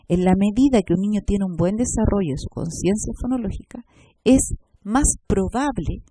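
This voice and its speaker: Woman, lecturing teacher, tag questions, mellow voice, dry sound. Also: medium pitch, no room sound. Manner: checks in often with a tag question. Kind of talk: recorded lecture over slides.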